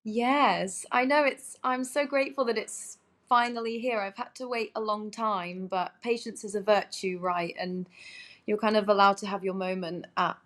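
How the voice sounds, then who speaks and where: A musical theatre performer appears as a guest in a casual interview, speaking with a Surrey, Home Counties English accent. Her medium-pitched, fairly bright voice holds a steady tone at normal speed as she gushes, a little self-effacingly.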